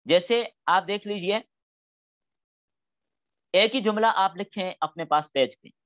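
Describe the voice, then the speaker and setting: A man's voice: sits high, takes it slowly, fairly bright tone. A middle-aged man teaching a class on Quran studies, explaining patiently step by step and acting out spoken examples. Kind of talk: classroom lecture.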